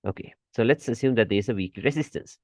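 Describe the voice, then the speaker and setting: A man's voice: mid-range voice, fast, no echo, studio quality. A man teaching a trading lesson over a shared screen, repeating his points and saying "okay" often, with firm warnings. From Malaysia.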